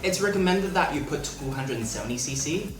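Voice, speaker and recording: A young home cook from Hong Kong keeps up brisk, animated, playful chatter in a slightly high voice as he cooks in his little apartment for his vlog. Music runs behind him, and the room echoes.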